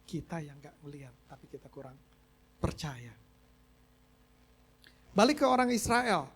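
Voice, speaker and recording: A man's voice: fairly high pitch, big pitch swings, measured pace, slight background noise. A man preaching a sermon as pastor, telling a story and mixing English phrases into his talk. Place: church service.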